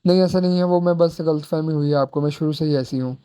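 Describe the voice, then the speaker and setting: A man voicing a timid, innocent young wife in a storybook reading, hesitant and soft-spoken. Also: fairly high pitch, steady tone, quick pace, smooth, dry recording, lightly acted.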